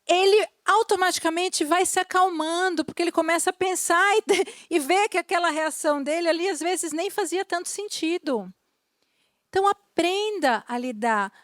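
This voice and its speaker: Animated woman trainer, high voice. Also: dry recording, studio quality. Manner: animated, addresses the viewers as "gente", often says "né" and "tá". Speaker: corporate trainer. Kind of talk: recorded training lesson.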